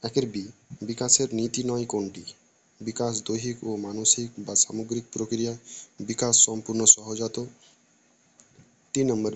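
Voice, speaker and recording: A man reading exam questions and answer options aloud for students, in a steady voice with occasional restarts. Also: on the low side, slight background noise. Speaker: teacher reading an exam paper.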